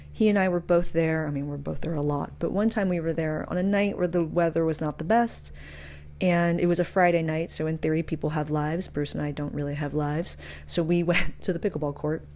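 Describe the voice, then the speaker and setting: A woman with a lowish, slightly mellow voice gives a motivational talk full of personal anecdotes, with a little hiss or hum on the recording. A motivational speaker and podcast host, she's casual and frank, delivering emphatically with slangy asides.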